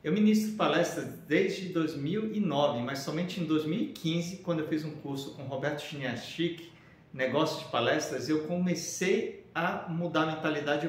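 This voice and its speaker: A man, a professional speaker talking straight to the camera in an upbeat, casual pitch, recorded indoors in a room full of shelves. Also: moderate pace, echoey room. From Brazil. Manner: upbeat, addresses viewers directly.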